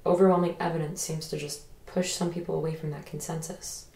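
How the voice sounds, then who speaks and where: A woman's voice: deep voice, flat delivery, brisk, gravelly. An actress playing a young woman haunted by a friend's death, who speaks hesitantly and reflectively in an audio drama. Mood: earnest. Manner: hesitant, soft-spoken, reflective. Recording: roomy echo.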